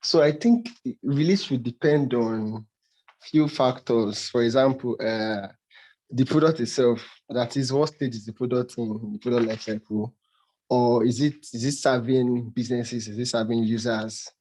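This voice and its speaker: A man's voice: medium pitch, measured pace, dark tone, rough recording. A man answering a question in an online class, out of breath and hesitant with filler words. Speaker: student.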